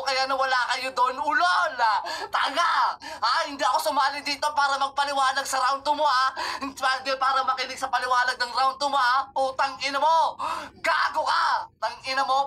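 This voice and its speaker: Woman battle rapper, high bright voice, shouts a stream of insults. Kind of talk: online rap battle.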